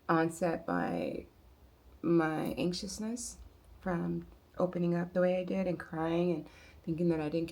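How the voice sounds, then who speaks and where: A woman talking quietly to her camera in a personal vlog, reflective and searching for words, sometimes dropping into quiet asides. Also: lowish voice, creaky. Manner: soft-spoken, musing, with quiet asides. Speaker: vlogger.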